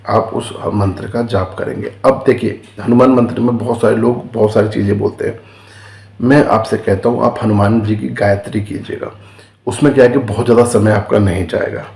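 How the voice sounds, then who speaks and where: A man's voice: fairly low pitch, vocal fry, a little mellow. A man teaching a home ritual step by step in a patient, repetitive way, often checking in with the listener. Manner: patient, repeats steps, frequent "ठीक है" check-ins. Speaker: spiritual teacher. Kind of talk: casual spoken instruction on a ritual remedy. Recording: roomy echo.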